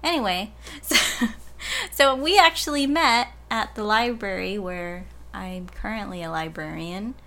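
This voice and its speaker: A woman's voice: mid-range voice, measured pace, fairly bright tone. A woman who works as a librarian, chatting casually and laughing often. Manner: giggly, rambling. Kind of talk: casual chat.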